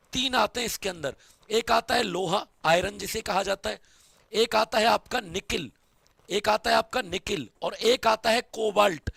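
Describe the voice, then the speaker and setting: Casting: male tutor, high raspy voice that cracks at speed, dry close sound, keeps quizzing his students. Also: a bit bright, no echo. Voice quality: voice cracks when speaking fast. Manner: repetitive quizzing, calls students "beta" and "babu". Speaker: science teacher. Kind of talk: online exam-prep lecture.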